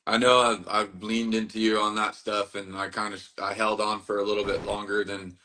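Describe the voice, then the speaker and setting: A man's voice: lowish voice, level tone, moderate pace, sharp tone. A man in casual podcast chat, laid-back and agreeable, often restarting his sentences. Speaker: podcast guest.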